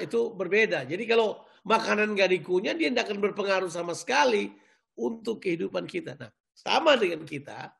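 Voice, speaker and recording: A male pastor preaching a sermon in a lively, joking way, repeating key words back to the congregation. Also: sits high, creaky.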